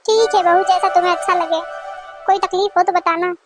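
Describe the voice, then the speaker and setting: A woman's voice: extremely high pitch, steady tone, fairly quick, over music. A woman doing a nagging mother-in-law. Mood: sweet. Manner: scolding, sarcastic. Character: middle-aged mother-in-law, nagging and quick-tempered.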